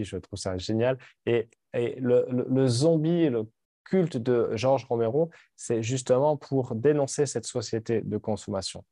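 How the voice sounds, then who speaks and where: A man's voice: fairly low pitch, warm tone, dry recording, clean studio sound. A man in his late thirties talking frankly and casually to camera, rambling with restarts and casual swearing. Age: 30s. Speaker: vlogger. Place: home in Dubai.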